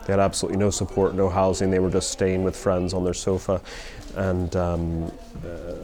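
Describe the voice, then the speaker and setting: A man's voice: low voice, mellow. A man explains things informally as an interviewee, in a hesitant, thoughtful manner. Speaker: community support project worker.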